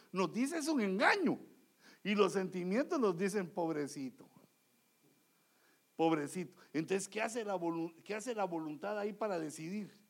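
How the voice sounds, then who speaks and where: A man's voice: high voice, gravelly. A man preaching a sermon, acting out everyday scenes with quoted voices. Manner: animated, acts out quoted voices and dialogues.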